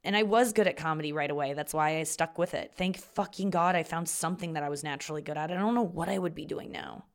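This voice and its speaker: Low-pitched woman podcaster with vocal fry. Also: fast, few pauses. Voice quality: vocal fry, talking from the back of the throat. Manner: rambling, self-deprecating, swears casually. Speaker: podcast host and comedian. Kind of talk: casual solo podcast monologue.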